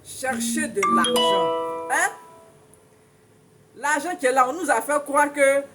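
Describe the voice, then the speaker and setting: A woman's voice: high-pitched, animated, takes it slowly, loud music behind the voice. A woman with an Ivorian French accent giving emphatic relationship advice to viewers in a casual monologue, laughing often and repeating points for emphasis.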